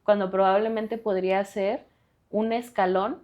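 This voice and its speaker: A woman's voice: mid-range voice, fairly even intonation, measured pace, a little mellow. A woman with a Mexican accent, a lawyer and activist, talking earnestly and directly as a guest on a podcast interview. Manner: earnest, direct, appealing to listeners.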